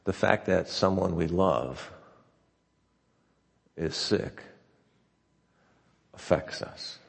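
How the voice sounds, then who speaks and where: Deep gravelly pastor in a reverberant hall. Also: male voice, extremely slow. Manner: conversational and folksy, with frequent restarts. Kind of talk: sermon. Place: church sanctuary.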